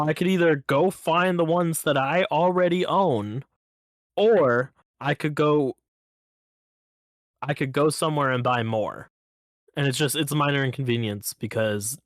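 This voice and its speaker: A man co-hosting a podcast in casual chat, telling stories in an easygoing, teasing way with halting restarts. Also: mid-range voice, no room sound, studio quality. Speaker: podcast co-host.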